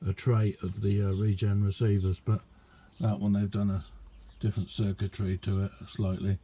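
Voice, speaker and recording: A middle-aged man, an amateur radio hobbyist, shows off his kit in a casual hands-on video chat from a small indoor radio room. His voice sits on the low side, mellow and flat, at a moderate pace. He rambles in an understated, self-deprecating way, with slight background noise.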